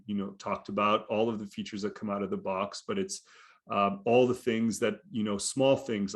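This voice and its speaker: Lowish guy rambling on a podcast, lots of "you know" and "right?". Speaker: podcast co-host. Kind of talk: casual conversational podcast chat.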